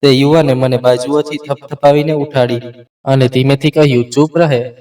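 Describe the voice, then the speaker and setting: A man narrating a scripted story in a steady, earnest way. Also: mid-range voice, moderate pace. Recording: roomy echo, distant mic.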